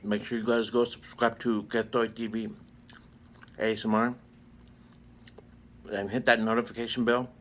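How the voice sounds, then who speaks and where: Male mukbang host, lowish voice, laid-back chat between bites, easy halting shout-outs. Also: level tone, a little hiss or hum.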